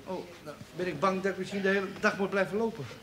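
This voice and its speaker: An actor playing a sheepish middle-aged husband in a stage farce, talking in a wry, plaintive way, with a loud studio audience laughing behind him. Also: male voice, high voice, quick pace, heavy background noise, lightly acted. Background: live audience laughing.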